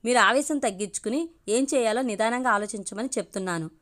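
A woman's voice: fairly high pitch, fast, fairly bright tone, close to an everyday voice. A woman voicing an anxious middle-aged wife who pleads with her angry husband. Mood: worried. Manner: pleading, fearful.

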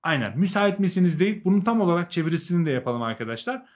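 A man's voice: high voice, animated, very fast. A young adult man with a Turkish accent teaching a live language lesson, explaining, translating and repeating key words for learners.

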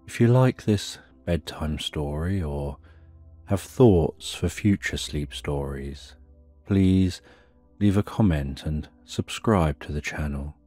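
A man narrating a bedtime sleep story in a calm, soothing, unhurried way with long pauses, as a sleep story narrator. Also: very deep voice, no echo, faint music behind. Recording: soft rain behind the voice. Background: rain.

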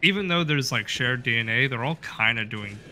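A man joining a game stream over voice chat, talking hesitantly and thoughtfully with many pauses. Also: medium pitch, lively intonation, pushed and bright, a little hiss or hum. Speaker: co-host on voice chat. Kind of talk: casual gaming stream chat. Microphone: voice chat headset.

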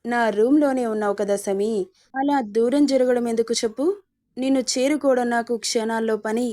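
A woman's voice: a little high, fairly even intonation, moderate pace, warm tone, lightly acted. A woman reading a storybook, voicing a cruel and mocking young husband with a menacing, taunting manner.

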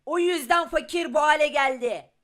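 A man putting on the voice of a young male sidekick in a Minecraft cartoon, explaining slowly. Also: very high-pitched, fairly bright tone, pitched above the performer's own voice.

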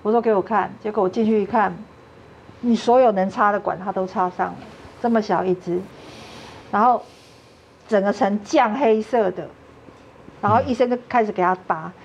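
A woman's voice: mid-range voice, moderate pace, gravelly, long pauses, darkish tone, highs cut off, slight background noise. A woman with a Taiwanese Mandarin accent, a talk show guest earnestly telling a personal story and acting out what others said. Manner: earnest, acts out quoted dialogue.

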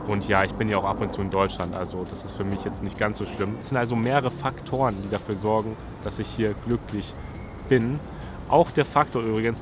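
A young man from Germany, low-voiced, chats in a relaxed way straight into a camera held at arm's length beside a city river. Music plays clearly under his voice. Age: young adult. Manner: relaxed, chatty, thinking aloud. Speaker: YouTuber. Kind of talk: casual vlog talk to camera. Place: outdoors by a city riverside railing. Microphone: selfie camera at arm's length.

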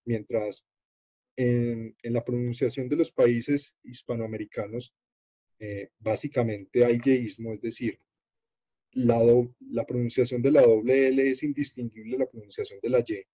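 A man with a Colombian accent leads an online workshop, explaining a web page as he shows it on screen. He talks in a halting, unhurried way, full of fillers and restarts. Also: mid-range voice, steady tone, warm tone, husky. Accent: Colombian Spanish. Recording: dull, dry video-call audio.

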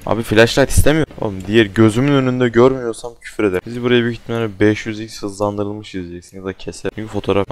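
A young man with a fairly low voice talks through a horror game at his computer. He keeps up casual, jumpy commentary, swearing freely and yelping when something startles him. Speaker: gaming channel host.

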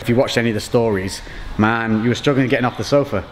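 A man's voice: medium pitch, fast. Sweary young man chatting over noise. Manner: blunt, heavily sweary. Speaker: vlogger doing fitness training. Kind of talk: casual chat. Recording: noisy, with gym ambience.

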